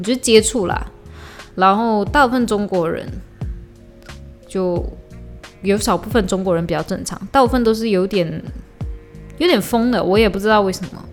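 A woman hosts a solo podcast, speaking in a heated, blunt way full of swearing and casual English slang. Her voice sits at an ordinary middle pitch for a woman. A soft lo-fi hip-hop beat plays quietly behind her. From Malaysia. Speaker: podcast host. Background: faint lo-fi hip-hop beat.

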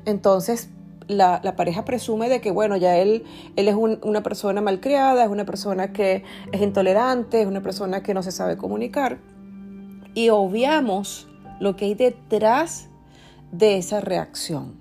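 A woman's voice: mid-range voice, a little slow, vocal fry, warm tone, soft background music. A woman podcast host, telling a story in a chatty, confiding way and speaking straight to her listeners. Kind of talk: casual storytelling.

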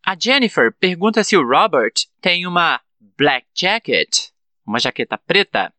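A man with a Brazilian Portuguese accent hosting an English-learning podcast, slowly drilling example sentences for students. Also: high voice, very animated, bright, forceful tone, dry recording. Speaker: podcast host and English teacher. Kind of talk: teaching English lesson.

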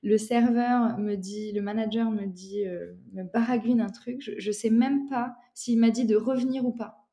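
A woman's voice: a little high, fairly even intonation, moderate pace, mellow. A young woman from France, a guest in a casual interview, talking loosely with many fillers and restarts.

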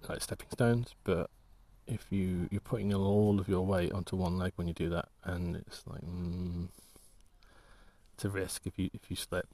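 A man talking casually while out walking, rambling in halting, restarting sentences as he thinks aloud. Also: low voice, flat delivery, dark tone, dry recording. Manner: rambling, halting, many restarts and trailing thoughts. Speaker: walking vlogger and artist.

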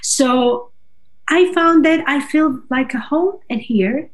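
Her voice is high, and she is a native speaker of Russian and Georgian. As a singer-songwriter guest in a relaxed interview, she talks in a halting way, searches for the right words, and often adds "right?" to confirm.

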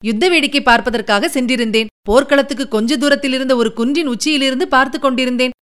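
A woman voicing a fierce, wild female ghoul priestess with a harsh, rough voice, excitedly telling her tale in a storybook reading. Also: high-pitched, fast.

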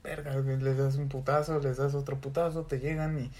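A man's voice: medium pitch, flat delivery, a little fast, a little mellow, slight background noise. A young man with a Mexican Spanish accent, a podcast co-host talking in a casual, slangy way and swearing often. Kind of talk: casual chat.

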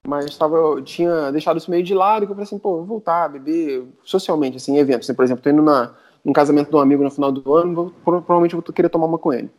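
A young Brazilian man with a Brazilian Portuguese accent, telling anecdotes in a casual, slangy, animated chat. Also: a little high, very fast, hardly any pauses.

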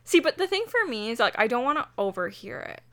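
A woman's voice: fairly high pitch, very animated, fast talker, a bit bright. A woman co-hosting a casual podcast, hesitant with many fillers and frequent giggles. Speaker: podcast co-host. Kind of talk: casual chat.

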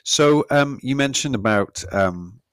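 A man hosting a podcast, asking questions in a conversational way with a croaky voice. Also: mid-range voice, lively intonation, a little slow, a bit bright, no echo, clean studio sound. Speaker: podcast host. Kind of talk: podcast discussion.

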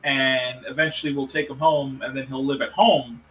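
A man's voice: mid-range voice, level tone, moderate pace, fairly bright tone, faint music behind. A man playing a tabletop game, talking in an enthusiastic, joking way with stumbling restarts. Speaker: player. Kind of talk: casual tabletop game chat.

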